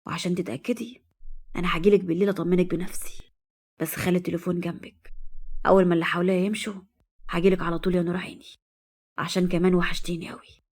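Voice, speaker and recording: Woman doing a tough Egyptian young man, low hushed voice, brisk audio drama delivery. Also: steady tone. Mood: tender hushed.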